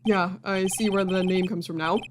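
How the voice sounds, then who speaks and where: A woman's voice: on the low side, steady tone, moderate pace, background noise. A woman hosting a let's-play, reading game dialogue aloud and commenting in a dry, casual way. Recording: music playing behind the voice.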